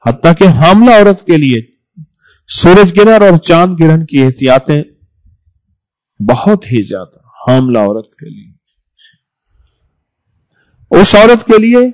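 A man giving a religious sermon, repeating phrases for emphasis and swinging between loud stresses and soft drops. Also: a little high, sing-song, pauses often, rough recording. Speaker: preacher.

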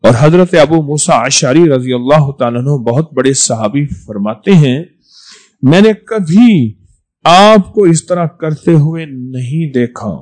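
A man delivers a sermon in a fairly high voice. He repeats phrases for emphasis, pushing some words out loudly and letting others drop low and quiet. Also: lively intonation, poor audio. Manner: repetitive, emphatic, swings between loud stresses and soft drops. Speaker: preacher.

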